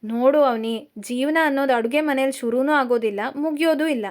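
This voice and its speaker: A woman narrator voicing a young male lecturer who teases and gently coaxes, in a storybook reading. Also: sits high, a little fast, natural voice. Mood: playful. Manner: playful, gently coaxing.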